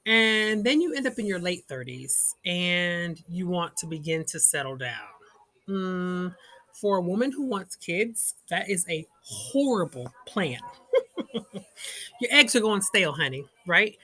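A woman's voice: lowish voice, lively intonation, slow pace, fairly bright tone. A woman hosting her own podcast, talking casually and animatedly, laughing often. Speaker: podcast host. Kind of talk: casual solo podcast chat.

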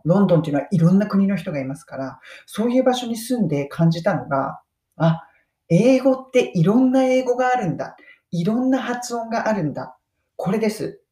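A woman's voice: lowish voice, mellow, far from the mic. A woman in her thirties, a mother and host, chatting personally about life abroad and learning English. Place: lives in London. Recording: roomy sound, mic set back.

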